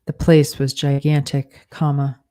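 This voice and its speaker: Writer dictating fiction, spoken punctuation; mellow tone, unhurried delivery. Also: medium pitch, clean tone. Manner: measured, flat dictation, spelling out punctuation and corrections.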